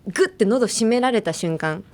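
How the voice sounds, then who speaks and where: A woman's voice: on the high side, lively intonation, normal speed, a little mellow. A young woman hosting a bilingual English lesson, chatty and playful as she switches between English and Japanese. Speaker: English teacher host.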